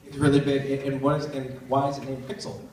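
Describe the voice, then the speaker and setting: Male stage hypnotist, quick and animated, coaxing volunteers with childlike questions; distant, very echoey hall with loud noise. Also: mid-range voice. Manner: simple coaxing questions, repeats the answers back. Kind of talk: live stage show patter, questioning volunteers like small children. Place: live stage before an audience.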